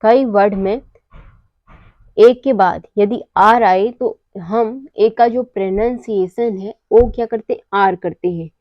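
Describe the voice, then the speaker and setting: A woman giving a slow English lesson, pausing often and answering her own questions. Her mid-range voice sits close to the mic with no room echo. The sound is a little muffled and lo-fi. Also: medium pitch. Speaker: English teacher.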